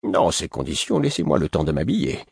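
A sly old counselor, read by a male narrator answers in a low, quiet, measured voice. He sounds calm and unruffled. The recording is close and dry. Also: gravelly, breathy edge, no echo, exaggerated voice.

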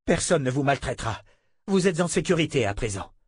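A man's voice: a little high, sing-song, brisk, slightly rough, voice pushed up. A man voicing an indignant, principled young swordsman in an audiobook reading. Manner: indignant, protesting.

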